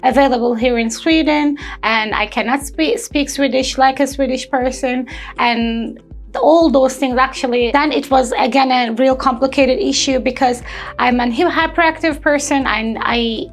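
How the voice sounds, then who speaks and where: A young Turkish woman, an intern and entrepreneur, speaks earnestly in a personal testimonial interview, often pausing with fillers and restarting sentences while searching for words. Her voice sits high with fairly even intonation, and faint music plays behind her.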